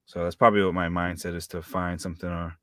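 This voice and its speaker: A man's voice: low-pitched, flat delivery, quick pace, fairly bright tone, no room sound. A man in his thirties chatting casually as a co-host, rambling and hesitant with many fillers. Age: 30s. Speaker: live-stream co-host. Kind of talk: casual chat.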